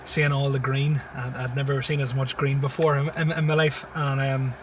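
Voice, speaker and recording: Recorded on a phone inside a parked car, a laid-back comedian guest in his thirties chats casually in interview style, chuckling often. Born in Syria and raised in Tyrone, he has a Tyrone accent and a medium-pitched, level voice at normal speed. He is far from the mic, with background noise.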